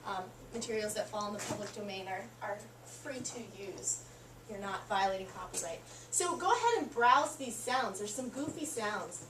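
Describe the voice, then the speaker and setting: A woman's voice: medium pitch, lively intonation, normal speed. A woman college instructor teaching a class in an upbeat, encouraging way. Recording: echoey classroom, mic far off, noisy.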